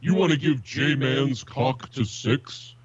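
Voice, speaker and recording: A man caller talking through a voice changer, making mock-menacing, deadpan offers in joking call-in banter. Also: medium pitch, slow, slightly rough, muffled recording.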